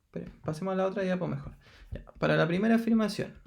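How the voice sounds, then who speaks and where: In a recorded lesson explaining exercises, a man teaches math in Chilean Spanish, patiently counting through each step aloud and checking in with his students. His voice sits high and is a little mellow with vocal fry, and he talks at a quick pace.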